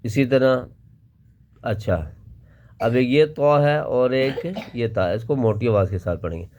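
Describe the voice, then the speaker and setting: A man's voice: medium pitch, darkish tone, muffled recording, slight background noise. A man teaching Quran letter pronunciation, explaining each sound and then drilling it syllable by syllable. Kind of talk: slow step-by-step recitation lesson.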